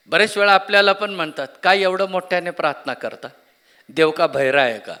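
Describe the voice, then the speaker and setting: A man's voice: high voice, bright, forceful tone, clean tone. A man preaching a sermon at a church conference, often asking the congregation questions and repeating key words. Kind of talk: Marathi sermon.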